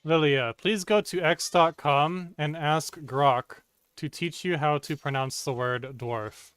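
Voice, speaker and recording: A man with a smooth, crisp voice gives short, patient instructions in a calm, steady way. He sounds like a streamer coaching someone through a task. The sound is dry and close, with no room echo. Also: on the high side, takes it slowly.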